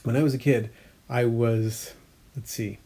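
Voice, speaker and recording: A man's voice: mid-range voice, steady tone, measured pace, dark tone, slightly rough. A man casually chatting about his fish tanks, rambling a little and correcting himself as he explains. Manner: rambling, self-correcting, frequent fillers; explanatory, hobbyist detail. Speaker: aquarium hobbyist vlogger. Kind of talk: casual chat.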